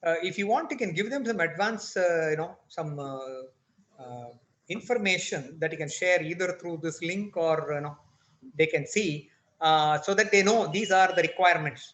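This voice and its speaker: A man's voice: sits high, animated, brisk, fairly bright tone. A man with an Indian Tamil accent moderating in a conversational, directive way, often checking for agreement. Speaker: meeting moderator. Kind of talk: conversational question and clarification.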